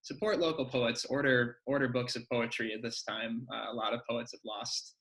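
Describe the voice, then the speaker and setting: A man hosting a poetry open mic casually, in halting phrases with many pauses. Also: mid-range voice, fairly even intonation, fairly bright tone, low-quality recording.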